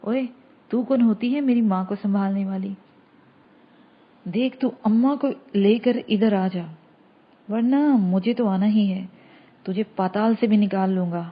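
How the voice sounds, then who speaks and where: A woman's voice: mid-range voice, pauses often, highs cut off, lightly acted. A woman voicing a hot-tempered young man who speaks bluntly and angrily. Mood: angry. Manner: angry, blunt.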